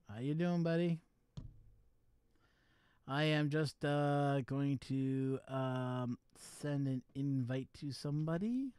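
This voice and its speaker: A man's voice: medium pitch, warm tone, clean tone, no echo. A man hosting a casual live stream, chatting loosely to his viewers as he tinkers with his gear. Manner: rambling, chatty, talks to his viewers while fiddling with gear. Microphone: wireless USB microphone.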